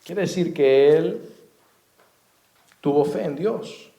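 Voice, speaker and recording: A man preaching a sermon as pastor, explaining scripture slowly and spelling out names and words. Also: a little high, dark tone. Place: church. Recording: echoey church room.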